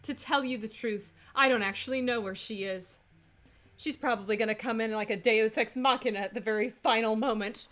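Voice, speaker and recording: A woman's voice: a little high, fairly even intonation, fairly quick, a bit bright. A woman on a casual let's play, reading game lines and commenting in a playful, sweary way. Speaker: gamer and co-host.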